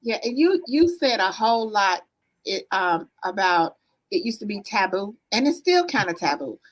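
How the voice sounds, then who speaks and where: A woman with a Southern US accent, a therapist guest answering interview questions in earnest conversational talk, often pausing on "um" and checking in with "right?". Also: mid-range voice, big pitch swings, rough recording. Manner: earnest, warm storytelling with frequent "um" and "right?". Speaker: therapist, business owner guest.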